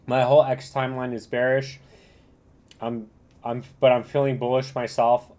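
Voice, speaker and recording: A man hosting a casual livestream commentary, talking in a slangy bro style with a rambling, halting delivery. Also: medium pitch, little pitch movement, a little mellow. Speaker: livestream host reviewing cryptocurrency charts.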